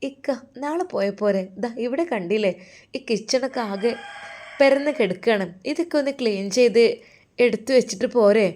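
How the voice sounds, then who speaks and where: Woman playing a shy young wife, higher voice, soft and timid. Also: moderate pace, a little hiss or hum, lightly acted.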